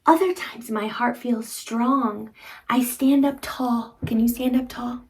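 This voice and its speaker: Woman, young adult, children's read-aloud host; gentle coaxing sing-song delivery, unhurried pace. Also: a little high, fairly even intonation. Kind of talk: interactive picture-book read-aloud for toddlers.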